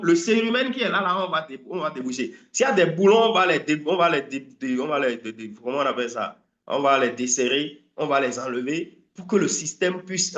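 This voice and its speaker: A man giving a live online English training talk, lively and emphatic, often stopping to hunt for a word. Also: on the high side, roomy sound. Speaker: English language coach.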